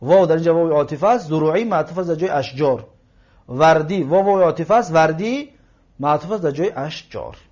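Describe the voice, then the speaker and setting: A man's voice: a little high, expressive, a little mellow. A man teaching a grammar lesson, going through a text word by word, translating and parsing it, and often repeating phrases as he explains. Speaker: Arabic teacher. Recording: lo-fi muffled recording.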